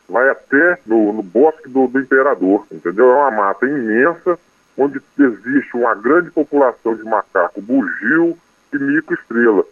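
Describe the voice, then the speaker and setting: An anonymous radio listener, voice disguised with a voice changer, talking haltingly and repeating words. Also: medium pitch, no echo. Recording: tinny phone line from far off.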